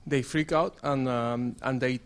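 Man from Morocco, audience campaigner, hesitant, many fillers, middle pitch. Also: steady tone, unhurried, smooth.

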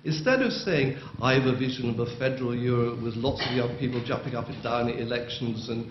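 A man's voice: medium pitch, a little fast, noisy background. A man in the audience of a debate putting a long, articulate question to the panel with dry irony. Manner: articulate, dryly ironic. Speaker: audience member asking a question. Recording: dull, roomy hall recording.

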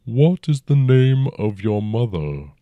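A man voicing a huge, very old and noble dragon who speaks slowly and formally with a rumbling tone. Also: big pitch swings, smooth, dry recording, narrow, tinny audio. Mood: stately, probing. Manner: slow, stately and formal, old-fashioned speech. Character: ancient noble dragon, huge, calm and probing.

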